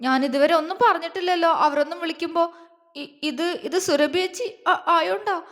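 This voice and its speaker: A woman's voice: high voice, natural voice. A woman voicing a tearful, insecure young wife who stammers through her words, with a long hall reverb. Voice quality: halting, stammering speech. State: crying.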